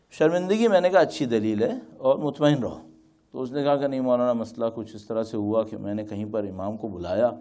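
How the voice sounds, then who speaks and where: Mellow-voiced cleric telling a story. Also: male voice, mid-range voice. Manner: storytelling, rhetorical questions, acts out quoted dialogue. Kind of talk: religious talk with anecdotes.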